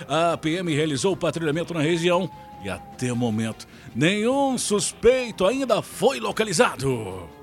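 A Brazilian man reads a scripted radio crime bulletin in a fairly high voice. His intonation is very lively, and faint music runs behind him. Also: normal speed, hardly any pauses. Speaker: radio police-news reporter.

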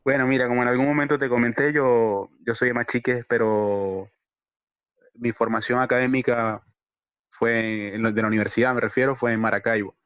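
A man's voice: medium pitch, fairly even intonation, moderate pace, a bit bright, smooth, no room sound. A Venezuelan man in his thirties, an interview guest, talking earnestly and hesitantly with many repeated words. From Venezuela, Zulia. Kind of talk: casual remote interview. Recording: dry, dull lo-fi call audio.

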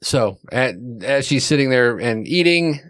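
A man's voice: medium pitch, expressive, a bit bright, clean tone, dry recording. Give me a man game master narrating a tabletop game, dry and close-miked. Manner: voices many characters, halting with fillers.

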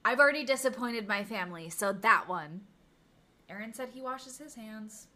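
A woman's voice: fairly high pitch, expressive, moderate pace, bright, forceful tone. A young woman co-hosting a casual podcast chat, giggly and self-deprecating, laughing often. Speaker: podcast co-host.

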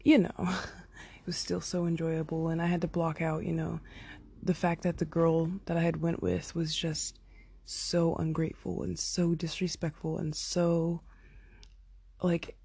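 A woman's voice: sits low, level tone, unhurried, vocal fry, dark tone, husky, no room sound. A young woman telling a long concert story into her phone, chatty and full of "like" and "oh my God", acting out what people said. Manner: chatty, lots of "like" and "oh my God", acts out quotes. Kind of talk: casual storytelling.

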